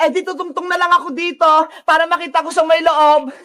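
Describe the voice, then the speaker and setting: A cartoon voice performer calling out and shouting frantically. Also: very high voice, steady tone, fast talker. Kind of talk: cartoon voice acting.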